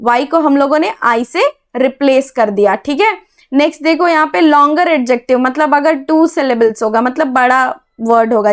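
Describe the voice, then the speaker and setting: A woman teaching English grammar in a casual classroom manner, often checking in with her students and reading examples slowly. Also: sits high. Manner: checks in with "ठीक है?" after nearly every point. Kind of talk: explaining a lesson in Hindi-English mix.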